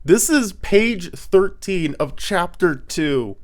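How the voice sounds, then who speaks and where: With a high, lively voice and a slow delivery, a man reads his own comic prose aloud in dramatic, theatrical fashion. His sinuses sound slightly congested, and he often breaks into stifled laughter.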